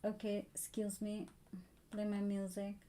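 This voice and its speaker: A woman's voice: medium pitch, monotone, a little slow, dark tone, slight background noise. A woman live-streaming a coding session, thinking aloud and chatting with viewers as she works.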